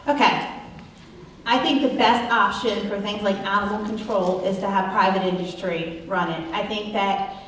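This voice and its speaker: A woman's voice: mid-range voice, steady tone, moderate pace, a bit bright. A woman running for council answers a forum question, earnest and full of ums and restarts. She sits back from the mic in a hall that rings with strong echo. A faint ambient noise sits under her voice. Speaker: council candidate. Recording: echoey hall, distant mic.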